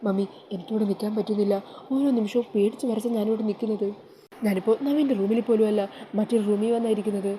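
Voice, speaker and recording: A woman's voice: mid-range voice, steady tone, fast, warm tone, slight background noise, natural voice, low-quality recording. A woman voicing a frightened young wife who pleads and gets upset, sure a snake haunts her.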